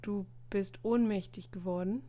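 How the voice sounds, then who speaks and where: A woman's voice: medium pitch, fairly even intonation, moderate pace, warm tone, close to an everyday voice. A woman reading a story aloud and voicing a brooding teenage schoolboy who speaks in a pondering, stiffly formal way.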